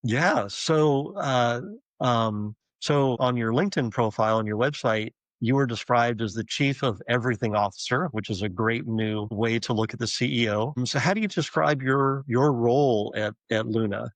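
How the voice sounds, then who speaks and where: Podcast host guy, mid pitch, dry close mic, reads intro then asks casual questions. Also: normal speed, no echo, low-quality recording. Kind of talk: podcast interview hosting.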